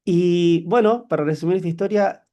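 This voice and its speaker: A man with a Chilean accent preaching a sermon as a personal story, animated and exclaiming often. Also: sits high, moderate pace. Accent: Chilean Spanish. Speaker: church leader preaching.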